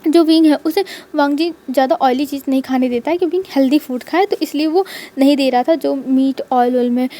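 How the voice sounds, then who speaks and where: Woman, storyteller, chatty run-on narration, high-pitched, fast. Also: mellow. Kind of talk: casual fanfiction retelling.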